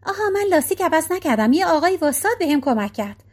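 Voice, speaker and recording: A woman's voice: very high-pitched, big pitch swings, voice pushed up. A woman reading a storybook voicing a carefree, scatterbrained middle-aged woman who answers offhandedly. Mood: airy.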